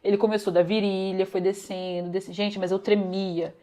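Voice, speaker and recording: Speaking briskly in a mellow, medium-pitched voice with flat delivery, this young vlogger with a Brazilian Portuguese accent recounts a personal, emotional testimony. She addresses her audience as "gente" and performs the quoted lines with earnest feeling.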